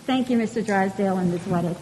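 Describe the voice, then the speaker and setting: A woman's voice: very fast, dark tone. A woman presiding as judge, running formal court proceedings in a courteous, orderly way. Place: large conference hall. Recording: reverberant hall, faint rumble.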